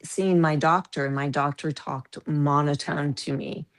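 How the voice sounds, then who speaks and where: A woman's voice: sits low, fairly even intonation, unhurried. A woman in her fifties from the American Midwest, a podcast guest telling stories animatedly and laughing through them. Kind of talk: casual storytelling.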